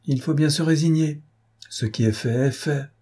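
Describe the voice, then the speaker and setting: A man's voice: on the high side, normal speed, warm tone, breathy edge, pitched above the performer's own voice. A man reading aloud who voices a proud wife teasing her husband in a wry, mock-resigned way. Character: proud, mocking wife of a sailor.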